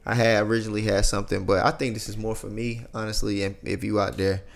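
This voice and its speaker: A man's voice: on the low side, little pitch movement, fast, vocal fry. A man co-hosting a podcast in laid-back, casual chat, drawling and filling his talk with likes and you-knows. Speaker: podcast co-host.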